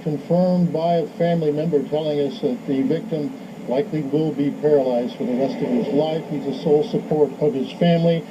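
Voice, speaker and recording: A man's voice: on the high side, steady tone, brisk. A man delivering a formal, scripted television news report. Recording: dull, noisy old broadcast audio.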